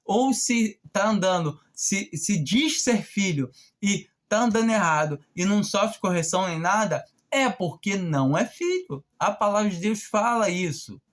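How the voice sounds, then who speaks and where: Preacher, informal sermon, unhurried, emphatic repetition, slower for scripture reading. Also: mid-range voice, lively intonation. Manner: slow, emphatic, repeats words and phrases for stress; reads scripture aloud more slowly and a bit louder.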